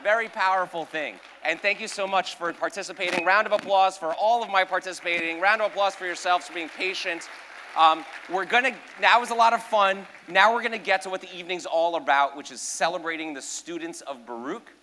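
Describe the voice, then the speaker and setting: A man's voice: high voice, brisk, sharp tone, a little hiss or hum. A man performing a number trick for a gala audience, joking, self-deprecating and talking straight to the crowd. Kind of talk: live stage patter. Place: large ballroom.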